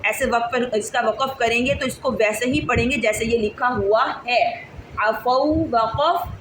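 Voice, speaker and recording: A woman teaching a recitation class online, patiently drawing out syllables and checking that her pupils follow. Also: fairly high pitch. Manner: patient, drills syllables slowly and asks pupils check questions. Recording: echoey room with clear background noise.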